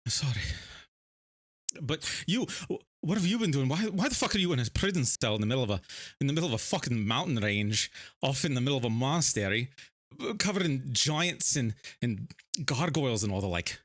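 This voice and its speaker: A man's voice: medium pitch, expressive, moderate pace, creaky, pushed and bright, slightly rough, no room sound, studio quality, voice pushed up, exaggerated voice. A man voicing a slight, flamboyant male changeling who apologizes and swears in a flustered rush.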